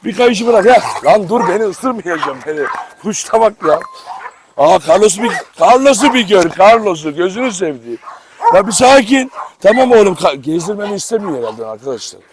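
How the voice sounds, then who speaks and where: A man's voice: high-pitched, animated, a little fast, a crowd in the background. A man hosting a casual dog-farm vlog outdoors, chatting to viewers and coaxing his dogs affectionately. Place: outdoor yard. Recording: noisy outdoor recording.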